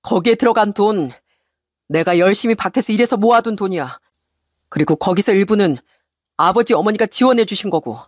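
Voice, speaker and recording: Lady doing a cold husband, calm and firm, slow and flat, dry sound. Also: mid-range voice, no echo, close to an everyday voice. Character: cold, resolute middle-aged husband. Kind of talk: story radio reading.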